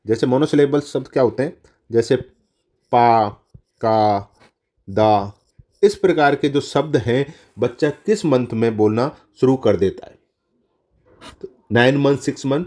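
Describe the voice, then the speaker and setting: A male tutor gives an exam-prep lecture to nursing students. He mixes English terms into his explanation, repeats each key answer and corrects himself mid-sentence. His voice sits at an ordinary middle pitch. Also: animated, measured pace, dark tone. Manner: addresses students as children.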